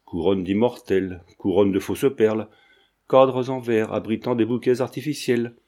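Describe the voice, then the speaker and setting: A man narrating a novel for an audiobook in an expressive, measured reading. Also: lowish voice.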